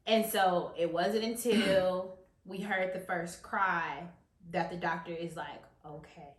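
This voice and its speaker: A woman telling her birth story in a casual, halting way. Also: fairly low pitch, fairly even intonation. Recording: roomy sound.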